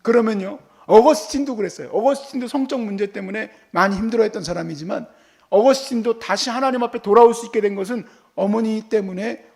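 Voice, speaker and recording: A man's voice: high voice, vocal fry, a little mellow. A man preaching a sermon as pastor, telling stories and acting out how he scolds and comforts his child.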